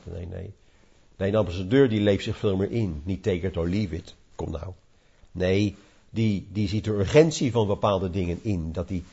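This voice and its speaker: A man's voice: low voice, a little mellow, breathy edge, highs cut off. A man preaching a sermon, emphatic, often repeating and restarting phrases.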